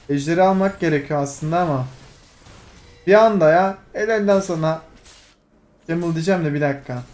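A young man giving lively, excitable commentary over his own gameplay, teasing teammates, laughing and shouting now and then. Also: high voice. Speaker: gaming streamer.

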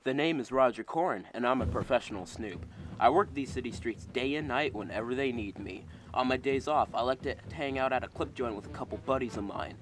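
A man's voice: mid-range voice, fairly quick, background noise, close to an everyday voice. A man playing a wry, world-weary hard-boiled private detective who narrates his own case in a noir radio drama. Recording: music behind.

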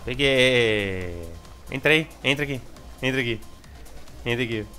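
A young Brazilian man with a Brazilian Portuguese accent commenting on his gameplay casually, excitable and repeating words, with sudden shouts. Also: mid-range voice, a little slow, soft background music. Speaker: gameplay streamer.

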